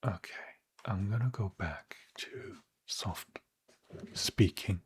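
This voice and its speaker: Sleepy asmr person whispering real slow and low, slangy and rambly. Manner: soft whispering, casual slang, rambling asides. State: sleepy, late at night. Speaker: ASMR creator thanking supporters.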